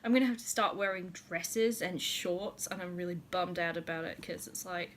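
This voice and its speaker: A woman's voice: fairly low pitch, normal speed. A young woman with a New Zealand accent chatting casually as a vlogger, giggly and a little tipsy, laughing often and swearing freely. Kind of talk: casual chat.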